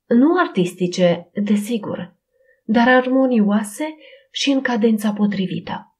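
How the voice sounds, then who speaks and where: A woman reading a soft-spoken refined young lady. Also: fairly high pitch, animated, natural voice. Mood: thoughtful.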